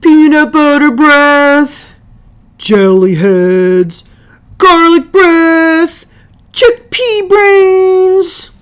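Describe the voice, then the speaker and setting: Rude storybook schoolkid, high and loud, drawn-out jeers, petty attitude played by an adult woman. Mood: mocking. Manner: loud, stretched-out jeering. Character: taunting schoolchildren, petty, rude, name-calling. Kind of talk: animated picture-book character reading.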